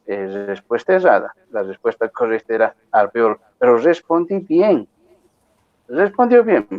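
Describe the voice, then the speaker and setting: This university lecturer's voice is mid-range and slightly mellow, captured dry with the highs cut off. He instructs his class firmly, going back over points and asking rhetorical questions to check on the students.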